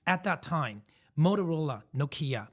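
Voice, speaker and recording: A man's voice: on the high side, lively intonation, normal speed. A man in his thirties, originally from Taiwan, co-hosting a casual podcast chat and telling emphatic, reflective stories with frequent restarts. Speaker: podcast co-host.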